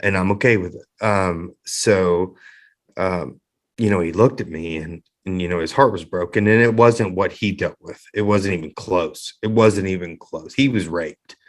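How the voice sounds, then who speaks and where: A middle-aged man telling a personal story in an interview, halting and emotional, choked up with grief and fighting back tears. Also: deep voice. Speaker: interview guest.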